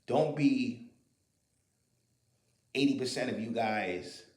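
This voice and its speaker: A man's voice: medium pitch, slow pace, reverberant. A man giving a casual commentary monologue, arguing with many rhetorical questions and some profanity.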